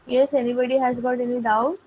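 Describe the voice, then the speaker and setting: A woman teaching programming over a video call explains things step by step, dropping in "okay" whenever she pauses. Her higher voice sounds slightly rough and flat, coming through phone-quality audio.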